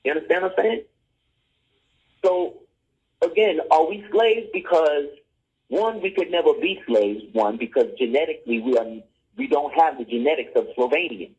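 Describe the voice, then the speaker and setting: A man's voice: fairly high pitch, normal speed, darkish tone, slightly rough. A middle-aged man, a podcast guest, lecturing in a conversational way, pressing his points and often checking whether the listener follows. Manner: insistent, keeps asking "you see what I'm saying?". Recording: dull lo-fi audio.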